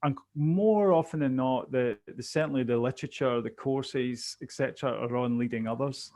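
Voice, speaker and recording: A man's voice: medium pitch, moderate pace, mellow. A man with a Glaswegian Scottish accent giving conversational interview answers as a business coach, often repeating words as he thinks aloud.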